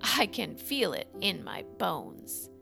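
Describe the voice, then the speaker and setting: A woman voicing a cheerful, excitable male skeleton with bubbly, high-pitched exclamations. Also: takes it slowly, vocal fry, music in the background, exaggerated voice. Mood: eager.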